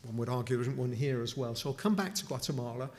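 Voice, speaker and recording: Fast and a little mellow, this mid-range male voice belongs to a middle-aged man from Newcastle upon Tyne. He's giving an informal charity talk to a chapel congregation, conversational and full of restarts and asides.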